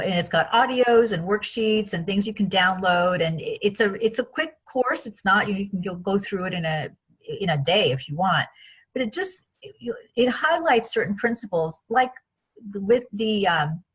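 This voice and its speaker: Husky-voiced woman telling stories. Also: medium pitch, moderate pace. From France. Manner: chatty, animated retelling with many restarts. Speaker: interview guest. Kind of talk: casual interview storytelling.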